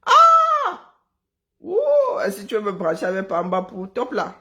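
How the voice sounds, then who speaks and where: A woman hosting a live stream, talking in an animated, sarcastic, chatty way. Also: mid-range voice, moderate pace. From Cameroon. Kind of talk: casual live commentary.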